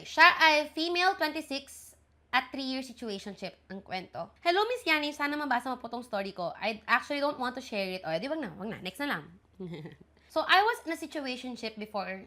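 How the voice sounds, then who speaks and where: A young woman in her twenties from the Philippines hosting a podcast, reading listener love letters aloud and reacting in an animated, gushing way. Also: high-pitched. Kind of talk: casual chat.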